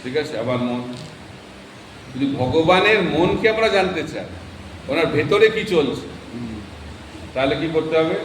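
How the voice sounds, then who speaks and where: A man's voice: fairly high pitch, animated, unhurried, long pauses, slight background noise. A man, a monk, giving a scripture sermon to a gathering and teaching by asking questions and answering them. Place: temple hall. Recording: echoey hall, speaker far from the mic.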